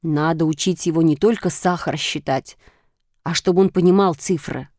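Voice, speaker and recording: A woman voicing an eager, bossy schoolboy in a raised, excited boyish voice. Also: sits low, normal speed, no echo, studio quality, natural voice.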